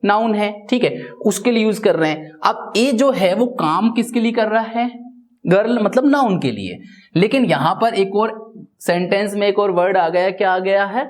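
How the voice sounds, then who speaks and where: A man's voice: high voice, expressive, normal speed. Hindi-speaking man teaching English grammar. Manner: asks rhetorical questions and answers them himself; frequent "theek hai" and "bhaiya" fillers. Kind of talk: Hindi-language grammar lesson.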